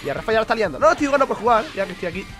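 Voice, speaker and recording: A young man from Spain with a Spanish accent, commentating his own online game match in fast, excitable bursts and cursing at his own mistakes. He sounds under the weather, with a cough. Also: high-pitched, music in the background. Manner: excitable, swearing at mistakes, counting out combos. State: ill with a cough. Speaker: gaming YouTuber. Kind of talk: live gameplay commentary.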